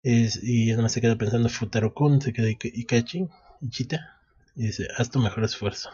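Husky-voiced man recapping manga. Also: mid-range voice, fairly even intonation, a little fast, warm tone, dull audio. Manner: reads dialogue aloud with frequent restarts. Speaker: anime recap host. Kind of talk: casual manga chapter recap. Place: at home.

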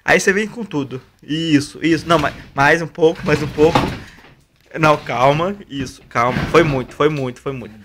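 A man's voice: fairly high pitch, moderate pace. A young man with a Brazilian accent chatting casually as he urges others on in repeated, sweary bursts while moving furniture. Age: young adult. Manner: urging, repetitive exclamations, swearing. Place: small laundry room by an outdoor entrance. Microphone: handheld camera or phone. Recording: noisy handheld amateur video with clicks.

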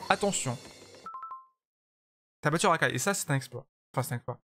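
A man's voice: mid-range voice, animated, brisk, sharp tone, faint music behind. A tired man chatting casually with his viewers while streaming a game, joking and swearing freely. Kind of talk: casual live-stream commentary while playing.

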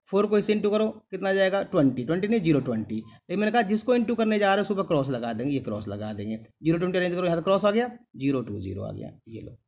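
A middle-aged man teaches maths in a patient, repeating way, checking often that his students follow. His voice sits a little high and swings widely in pitch, rising and falling from phrase to phrase. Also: a little mellow, a little hiss or hum. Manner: calls the students "beta", keeps asking "clear?"; patient, repeats each step. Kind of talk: classroom lesson.

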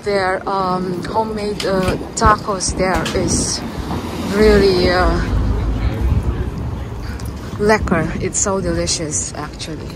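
Slow-talking woman vlogging a street walk, lots of uhs, traffic noise all around. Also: on the low side, fairly even intonation. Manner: hesitant, many filler pauses. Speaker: walking-tour vlogger. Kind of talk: casual narration while walking. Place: outdoors on busy city streets.

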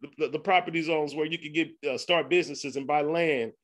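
Male podcast host, relaxed chat, laughs easily, slightly higher voice with a forceful bright edge. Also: fairly quick. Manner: loose, laughing, repeats 'man'. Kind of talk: casual conversation.

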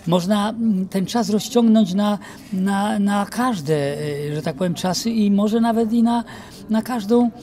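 A man in his sixties, an actor, being interviewed in an outdoor courtyard into a handheld mic, reminiscing with many pauses and fillers. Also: sits high, warm tone. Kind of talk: casual interview. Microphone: handheld mic held by interviewer.

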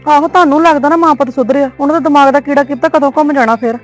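A woman's voice: high voice, racing, soft background music, natural voice. A woman playing a young wife in a web series drama, placating but firm as she talks on the phone. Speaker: daughter-in-law.

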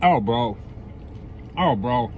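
A man hosting a casual food review vlog, excited and slangy, repeating himself while chewing as he talks. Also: mid-range voice, extremely slow, a little hiss or hum.

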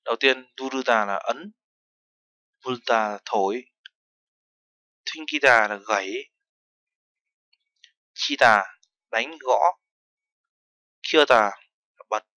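A man's voice: mid-range voice, measured pace, pauses often, pushed and bright, no echo. A man teaching a language lesson, explaining terms step by step and mixing in foreign words. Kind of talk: lesson narration.

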